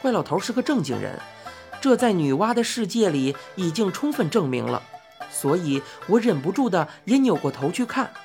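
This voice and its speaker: A woman narrating a children's storybook in a clear, even reading voice. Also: lowish voice, normal speed, faint music behind.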